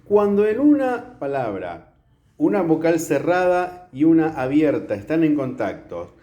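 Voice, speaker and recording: A man's voice: fairly high pitch, big pitch swings, a little slow, mellow, lo-fi sound. A male teacher explaining a grammar lesson at a whiteboard step by step, often checking in with the class.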